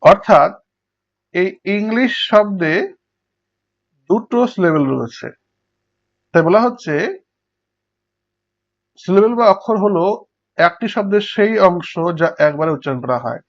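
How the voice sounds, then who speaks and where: Here a man with a high-sitting, animated voice teaches English prosody in Bengali, explaining each step to students and working through examples. He is unhurried and pauses often, and the recording is dull and lo-fi.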